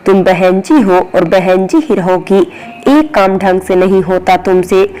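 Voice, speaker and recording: A woman's voice: medium pitch, unhurried, dark tone, lightly acted, rough recording. A woman voicing a curt, angry young husband in a spoken story, scolding harshly.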